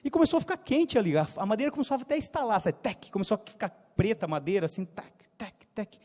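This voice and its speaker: Telling young people a sermon framed as his own story, this man in his thirties from the São Paulo countryside swings his volume from loud to soft. His high, sing-song voice moves fast, and the church hall reverb surrounds it.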